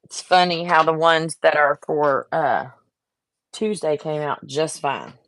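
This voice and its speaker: Chatty woman, low voice. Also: a little slow. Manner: chatty, frustrated, talks to viewers. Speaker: craft vlogger. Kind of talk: casual chat while working.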